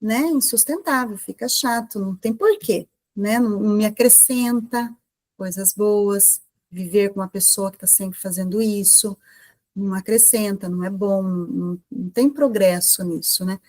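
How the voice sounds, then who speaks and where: Brazilian woman speaker, mid-pitched, dry close sound, talks like a friendly group chat. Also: normal speed, a little mellow, no room sound. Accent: Brazilian Portuguese. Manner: conversational, full of rhetorical questions and tag questions. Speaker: guest speaker at a women's group meeting. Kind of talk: informal talk to a group.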